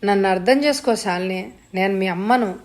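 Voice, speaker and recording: A woman's voice: medium pitch, moderate pace, close to an everyday voice. A woman voicing a stern, worried middle-aged mother who scolds sharply in an audiobook story. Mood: pleading.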